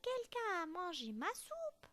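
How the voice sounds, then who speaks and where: Lady putting on a teeny high bear cub voice, tearful little guy, storybook read slow. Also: huge pitch swings, a bit bright, heavily acted. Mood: plaintive. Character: tiny young male bear cub, tearful.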